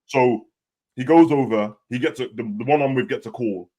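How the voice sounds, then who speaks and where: A man's voice: medium pitch, normal speed. A young man with a British urban street accent and roadman slang, telling stories casually and acting out what people said. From Birmingham, England. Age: young adult. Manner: roadman slang, animated retelling with quoted dialogue.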